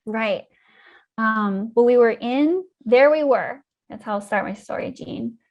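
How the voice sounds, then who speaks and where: A woman's voice: fairly high pitch, measured pace, muffled recording. A woman scientist telling a story in an interview, thoughtful, with frequent ums and you-knows, and livelier when she recounts key moments. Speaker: guest scientist.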